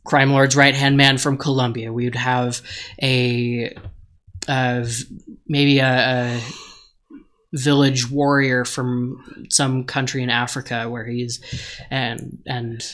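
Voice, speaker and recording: A man co-hosting a podcast, casually pitching a story idea with lots of ums and restarts. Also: flat delivery, slow pace, a bit bright. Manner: hesitant, many ums and restarts. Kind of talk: casual chat.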